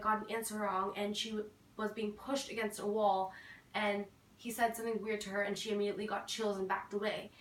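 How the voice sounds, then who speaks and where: A woman's voice: mid-range voice, echoey room, recorded from a distance, rough recording. A teenage girl chatting casually in a storytime vlog, full of fillers and quoted asides. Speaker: vlogger.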